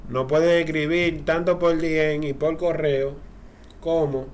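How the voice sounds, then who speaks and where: Slangy Dominican man with a higher-pitched voice. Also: measured pace, slight background noise. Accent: Dominican Spanish. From Villa Consuelo, Dominican Republic. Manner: slangy street talk, animated anecdote telling. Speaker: podcast co-host. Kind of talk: casual comedic banter.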